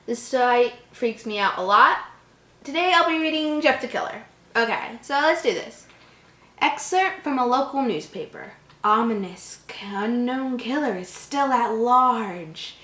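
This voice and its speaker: A channel host whose first language is English reads a horror story aloud, giggling and stumbling over words in her asides. Her voice is fairly high and fairly bright, with lively intonation and a slightly slow pace. She records in an echoey indoor room.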